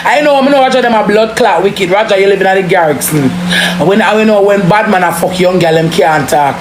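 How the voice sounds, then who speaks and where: Speaking at medium pitch and a little fast, a Jamaican woman rants forcefully and passionately in casual street speech. Heavy cursing and repeated phrases drive her points home, while the audio carries roomy echo and obvious background noise.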